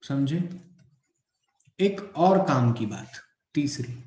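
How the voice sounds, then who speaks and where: A man with an Indian English accent dictates physics notes at a very slow, deliberate pace, repeating every phrase. His voice is mellow and a touch high, and the room around him is echoey. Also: sing-song. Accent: Hindi-English mix, Indian English. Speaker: physics teacher.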